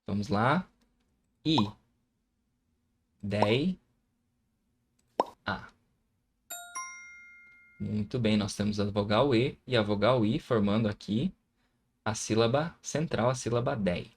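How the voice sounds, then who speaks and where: A man's voice: on the low side, normal speed, vocal fry, slight background noise. A man with a Brazilian Portuguese accent teaching a recorded grammar lesson, patiently sounding out syllables and often checking in with the viewer.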